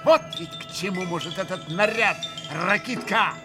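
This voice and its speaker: A man's voice: high-pitched, normal speed, music in the background, voice pushed up, close to an everyday voice. A man reading aloud and voicing a passionate young woman who lurches between fury and tears, with hysterical cries. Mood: anguished frenzy. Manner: hysterical outbursts, bitter and sobbing.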